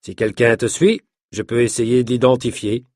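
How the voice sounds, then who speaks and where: A man voicing a calm, helpful male friend who works as an investigator, reassuring and steady, in a read-aloud story. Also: medium pitch, normal speed, no echo, studio quality, natural voice.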